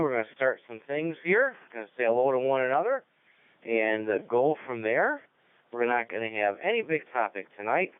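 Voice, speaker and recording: A man's voice: mid-range voice, smooth, dry recording. A man hosting a ham radio net in a chatty, rambling way, heard over a radio link. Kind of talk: casual on-air net chat. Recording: narrow radio-link sound, dry.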